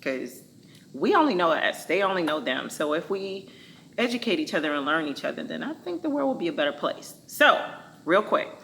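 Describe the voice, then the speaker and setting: A woman's voice: sits low, pushed and bright, a little hiss or hum. A woman hosting a casual talk show, outspoken and playful, speaking. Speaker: host.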